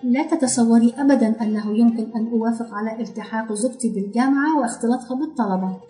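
Proud, firm middle-aged husband read by a woman; mellow voice, faint music under a roomy echo. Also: very high-pitched, rapid-fire. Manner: firm, self-assured.

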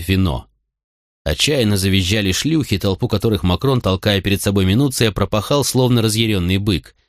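A man narrating an audiobook with expressive storytelling. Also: lowish voice, no room sound, clean studio sound. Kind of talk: scripted narration.

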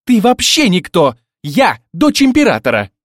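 Guy doing a bossy young princess, shrill and stubborn, dry close sound. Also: big pitch swings, moderate pace, a little mellow, no echo. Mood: stubborn, indignant. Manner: shrill, insistent, imperious. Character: haughty young emperor's daughter, stubborn bride.

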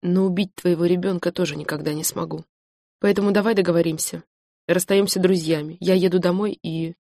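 A heartbroken, stubborn young woman pours out her feelings in an audiobook , as a woman narrator puts her on. Her low-pitched voice swells emotionally and pleads. The recording is close and dry. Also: fairly even intonation, brisk, warm tone, dry recording. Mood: upset, pleading. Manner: emotional, pleading, rising to outbursts.

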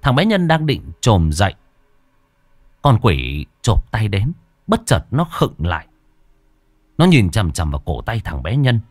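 A male horror storyteller reads slowly with a husky, low-set voice. His pitch swings widely for drama, and the recording is dry and close. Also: huge pitch swings, no echo.

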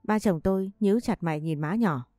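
A woman reading a family drama story aloud in a steady storytelling voice. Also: mid-range voice, a little fast, dry recording. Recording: dry close voice with faint music behind.

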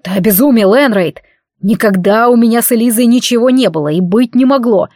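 A woman voicing a brave male uncle, a wounded soldier, who shouts urgently. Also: a little high, brisk, dry recording, studio quality, close to an everyday voice. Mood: outraged.

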